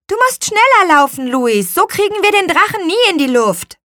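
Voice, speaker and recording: A woman's voice: extremely high pitch, big pitch swings, normal speed, pushed and bright, no echo, studio quality, pitched above the performer's own voice, exaggerated voice. A woman voicing a cheerful young girl who calls out eagerly. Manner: calling out eagerly.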